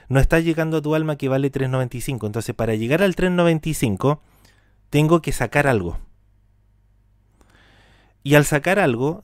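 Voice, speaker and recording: A man leads a spiritual lesson on mysticism, putting rhetorical questions to his listeners and repeating words for emphasis. His voice sits at an ordinary pitch for a man. The recording is dry and close, with no room sound. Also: dry recording. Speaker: teacher of Hebrew mysticism. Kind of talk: spiritual talk to an audience.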